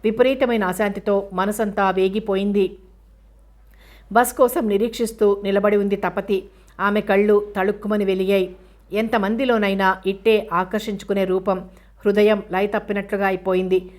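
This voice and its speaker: Even-toned woman reading a novel aloud. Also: mid-range voice, moderate pace. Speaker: narrator.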